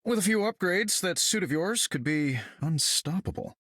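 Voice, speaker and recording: A man's voice: sits high, expressive, moderate pace, a bit bright, no room sound, studio quality. A man voicing a confident, wisecracking inventor superhero in a video game, wry and casual. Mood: sardonic. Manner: wry, casual, self-assured. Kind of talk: video game character acting.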